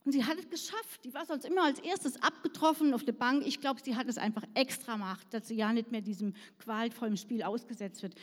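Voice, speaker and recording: A woman's voice: fairly high pitch, big-room sound. A woman preaching a sermon in a chatty, self-deprecating way, telling a personal story and checking in with listeners.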